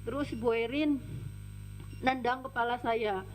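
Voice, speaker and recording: A tearful woman gives testimony as a domestic worker. Her voice sits a little high. She recounts events step by step and keeps quoting what others said. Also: a little slow, slight background noise, rough recording.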